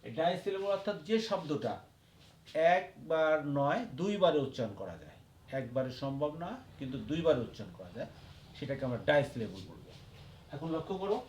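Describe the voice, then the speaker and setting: A male teacher gives a slow, careful lesson at a board and spells words out one letter at a time. His voice sits a little higher than most men's. The room around him rings with a clear echo. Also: darkish tone, slight background noise. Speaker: English grammar teacher. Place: classroom.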